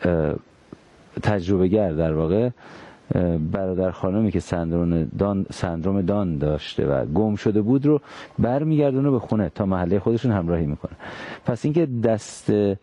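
Low, dark-voiced male interviewer. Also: animated, no echo, muffled recording. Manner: precise, presses for exact details. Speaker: interviewer host. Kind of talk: probing studio interview.

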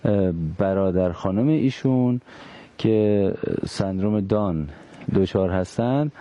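A man's voice: lowish voice, mellow, highs cut off. A man hosting an interview, asking precise questions and pressing for exact details. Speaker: interviewer host. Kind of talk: probing studio interview.

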